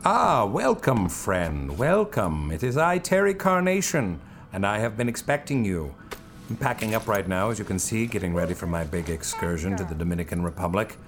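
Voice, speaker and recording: A man voicing a theatrical, eccentric male host character who talks in a grandiose, drawn-out way over a music bed. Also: very animated. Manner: grandiose, drawn-out, sweeping pitch.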